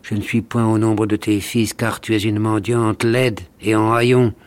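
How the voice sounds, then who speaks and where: A man's voice: sits low, steady tone, normal speed. A man reading aloud voices a proud, cruel boy, the star child, in a scornful, haughty tone.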